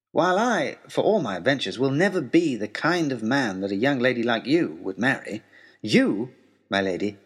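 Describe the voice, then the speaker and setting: Voicing an earnest young gentleman adventurer in an audio drama, a man narrates a letter with wordy formality, dry wit and measured pauses. The mid-range voice is slightly rough, and the mood is earnest and happy.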